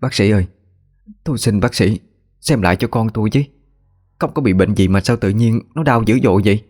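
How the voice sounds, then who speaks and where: A man's voice: lowish voice, brisk, darkish tone, natural voice. A man putting on a panicked mother. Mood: pleading. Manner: panicked, pleading. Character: frantic middle-aged mother.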